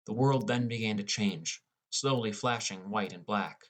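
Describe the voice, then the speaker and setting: Speaking at normal speed in a lowish, slightly bright voice, a man narrates a first-person fantasy audiobook from a script. His character is a gloomy, introspective teenage gamer, and prominent music plays underneath.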